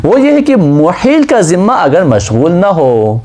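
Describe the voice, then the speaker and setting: Male seminary teacher, lively rising and falling pitch, slightly high voice, asks and answers his own questions. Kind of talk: classroom lecture on Islamic law.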